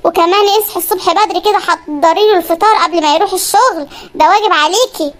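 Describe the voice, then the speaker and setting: A performer voicing an older Egyptian man, the husband's father, who slowly and calmly lectures the quarreling couple. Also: very high voice. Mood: calming. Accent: Egyptian Arabic. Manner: slow, soothing, moralizing.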